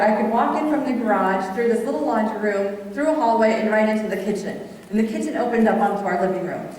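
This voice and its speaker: Woman speaker, middle-aged, animated storyteller; distant mic, long hall reverb, faint room noise. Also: a little high. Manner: animated, chatty storytelling with audience questions. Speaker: speaker at a women's event. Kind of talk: conversational sermon with personal stories.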